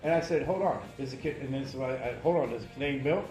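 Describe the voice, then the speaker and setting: A man's voice: mid-range voice, racing, darkish tone, roomy sound, faint music behind, rough recording. A man chatting loosely and profanely while working on a car engine, joking with friends. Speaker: mechanic. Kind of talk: casual shop banter. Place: garage.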